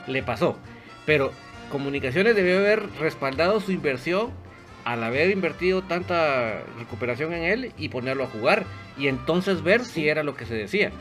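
A man's voice: fairly high pitch, animated, moderate pace, a bit bright, faint music behind. A man co-hosting a casual sports podcast, giving blunt, critical opinions. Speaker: podcast co-host.

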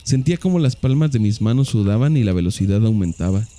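A man reading a first-person story aloud in slow, measured scripted narration. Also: fairly low pitch, lively intonation, warm tone.

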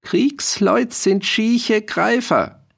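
A man voicing a shrill, scrawny, mocking old male peasant in an audiobook reading. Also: creaky, a bit bright, heavily acted. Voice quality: shrill, screeching. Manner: taunting, drawn-out questions.

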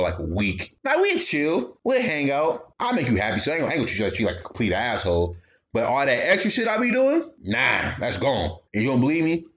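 A man's voice: mid-range voice, lo-fi sound. A young man hosting a podcast, telling a casual comedic story in slang and acting out the voices of the people in it. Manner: animated storytelling, slangy, acts out quoted voices. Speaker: podcast host.

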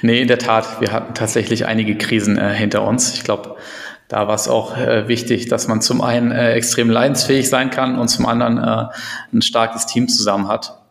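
A man's voice: mid-range voice, level tone, moderate pace, vocal fry. A middle-aged man from Berlin, a company co-founder, talking hesitantly with many fillers in a casual interview. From Berlin, Germany. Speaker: co-founder guest. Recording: echoey room with long reverb.

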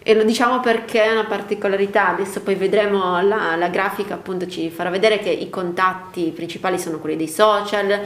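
A woman's voice: medium pitch, steady tone, fairly quick, hardly any pauses. A woman hosting an interview, her voice slightly muffled by a face mask. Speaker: host. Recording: roomy, echoing indoor sound.

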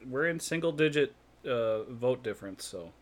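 A man hosting a casual podcast chat, often restarting words and filling pauses with uh, laughing easily. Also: medium pitch, lively intonation, a loud crowd. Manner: stammering restarts, frequent uh fillers, laughs easily. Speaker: podcast host.

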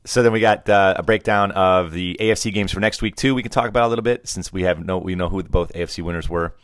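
Low-voiced dad co-hosting a sports podcast. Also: male voice, fast, no room sound, clean studio sound. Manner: teasing, bantering. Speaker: podcast co-host, father of the other host. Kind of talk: casual unscripted sports chat. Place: home basement.

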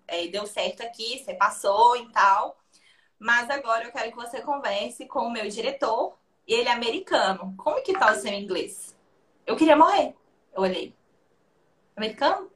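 A woman's voice: a little high, normal speed. Chatty young Brazilian woman telling a story. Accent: Brazilian Portuguese. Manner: lively, laughs often, acts out quoted dialogue. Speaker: interview guest. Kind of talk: casual storytelling chat.

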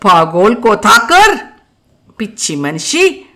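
A woman's voice: a little high, big pitch swings, slow pace, a bit bright, heavily acted. A woman voicing a playful young college friend who teases with mock innocence. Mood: mock-angry.

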